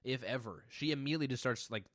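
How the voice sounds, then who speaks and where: A man's voice: medium pitch, fast, fairly bright tone, no room sound, clean studio sound. A man co-hosting a podcast, chatting casually about an episode with joking, teasing banter. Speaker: podcast co-host.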